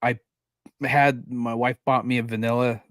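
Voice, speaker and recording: A man's voice: mid-range voice, level tone, unhurried, a bit bright, no room sound. A man co-hosting a casual streamed podcast chat, often repeating words as he starts a sentence. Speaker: podcast co-host.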